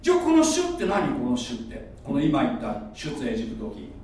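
This sermon comes from a pastor who teaches as he preaches, quizzing the audience. His medium-pitched, darkish voice has huge pitch swings and a brisk pace, picked up from a distance in a reverberant room.

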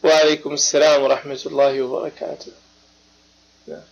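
Speaking in a gravelly, somewhat high voice with a flat delivery, this Iraqi man from Baghdad moves at a fairly quick clip. He's running a live religious debate chat despite a cold, pressing his points emphatically with frequent brief affirmations, and the sound is lo-fi online voice chat.

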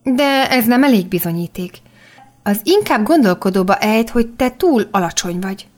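A woman voicing a curious, excitable young boy from long ago in an audiobook, asking eager, pressing questions. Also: a little high, natural voice.

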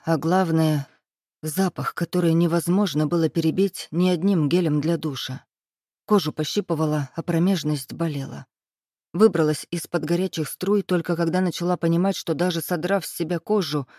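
A woman narrating a first-person audiobook in a measured, expressive reading. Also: low voice, no room sound, studio quality.

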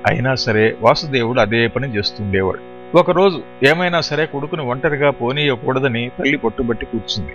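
A man narrating a storybook in a steady, explanatory storytelling manner. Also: mid-range voice, a little fast, highs cut off, faint music behind. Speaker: audiobook narrator. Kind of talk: scripted narration.

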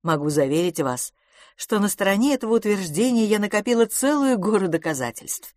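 A woman reading an audiobook, voicing a prim, earnest middle-aged spinster who speaks in a measured way. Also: medium pitch, expressive, darkish tone, no room sound, clean studio sound, pitched above the performer's own voice, natural voice.

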